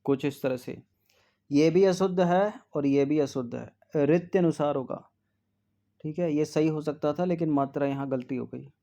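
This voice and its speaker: A male tutor working through exam spelling questions, slowly repeating each word and checking answers with frequent "ठीक है". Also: on the high side, dark tone. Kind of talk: test-series answer walkthrough.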